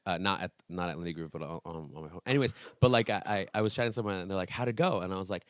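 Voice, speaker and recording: A man's voice: low voice, fairly even intonation, very fast, dry recording, studio quality. A young man co-hosting a podcast, chatting casually and rambling with many restarts and quoted asides. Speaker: podcast co-host. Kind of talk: casual chat.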